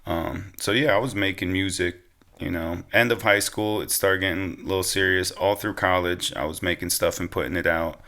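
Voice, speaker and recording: In a relaxed interview chat, a young American guest from Pennsylvania talks in easygoing slang. He has a low-pitched, sharp voice delivered at a normal speed with a steady tone.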